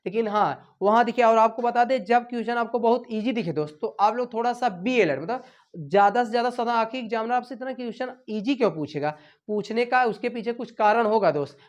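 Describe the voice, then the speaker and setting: A woman with a slightly high voice leads an exam-prep lesson. She questions her students and repeats each answer back as a drill, her phrases trailing off quietly at the ends. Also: brisk. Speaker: Hindi teacher.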